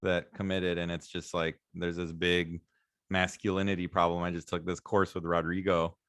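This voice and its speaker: A man in his thirties hosting a podcast, talking calmly and reflectively with frequent affirmations. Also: sits low, normal speed, smooth, dry recording, clean studio sound. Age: 30s. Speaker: podcast host, naturopathic doctor. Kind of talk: casual interview chat.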